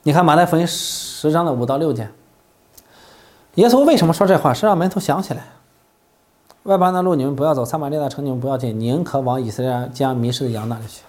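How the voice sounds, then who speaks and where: A man preaching a sermon, animated, asking the listeners rhetorical questions and coughing now and then. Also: fairly high pitch, fast.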